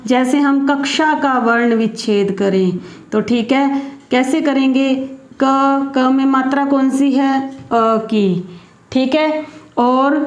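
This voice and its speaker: A high-voiced woman teacher explains a grammar lesson at an unhurried pace, asking her pupils questions as she goes. Her voice rings in a noticeably echoey room.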